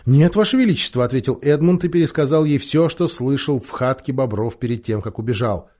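A man narrating a fairy tale audiobook with expressive, dramatic storytelling. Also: mid-range voice, brisk.

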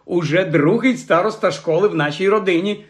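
A man's voice: a little high, animated, fairly quick, natural voice. A man voicing a stern, proud mother who scolds sharply.

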